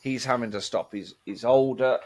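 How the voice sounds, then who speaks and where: A man's voice: mid-range voice, normal speed, darkish tone. Podcast co-host, male, wry rambler who hedges everything, easygoing music chat.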